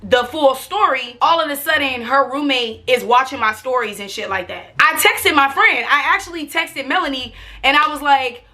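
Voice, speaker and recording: A young American woman telling a casual storytime in a sassy, expressive, slangy way with plenty of swearing. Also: sits high, normal speed, hardly any pauses. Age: young adult. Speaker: storytime vlogger.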